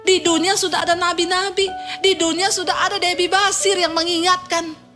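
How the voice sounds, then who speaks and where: A woman's voice: very high-pitched, level tone, normal speed, music in the background. A woman preacher voicing the old patriarch Abraham, firm and matter-of-fact. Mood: stern.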